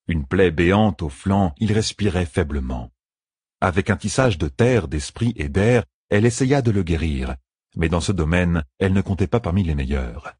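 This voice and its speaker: Low husky male audiobook narrator. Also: animated, a little mellow, no echo, clean studio sound. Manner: measured, dramatic reading. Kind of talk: scripted fantasy narration.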